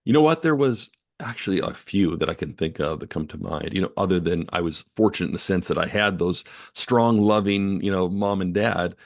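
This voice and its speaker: A man speaking as a guest on a podcast interview, earnest and reflective, often pausing with "um" and "you know.". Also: deep voice, animated, vocal fry, no room sound, clean studio sound. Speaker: guest author and editor.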